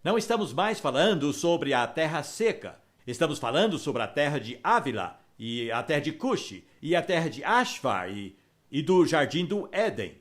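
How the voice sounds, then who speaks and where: A man's voice: on the high side, very animated, normal speed. A man giving an emphatic, explanatory Bible teaching talk.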